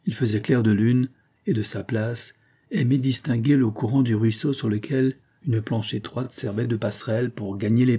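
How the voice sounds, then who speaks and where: A man narrating a classic novel as an audiobook in a steady, even storytelling delivery. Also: mid-range voice, slightly rough.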